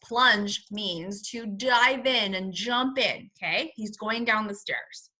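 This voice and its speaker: A first grade teacher reads a story aloud to young children, expressively and with simple explanations of words. Her mid-range voice is slow, pushed and bright.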